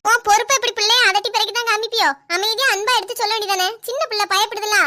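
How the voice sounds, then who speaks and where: A woman playing cartoon grandmother, old, very high, quick, bright fussing voice. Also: steady tone. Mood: scolding. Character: doting scolding old grandmother. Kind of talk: cartoon voice acting.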